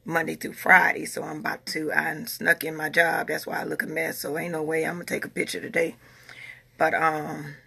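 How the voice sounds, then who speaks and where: This vlogger, a woman in her forties, addresses her followers casually in a Southern US dialect, earnestly repeating herself to make her point. Her low-pitched voice carries vocal fry and a breathy edge and sounds pushed and bright.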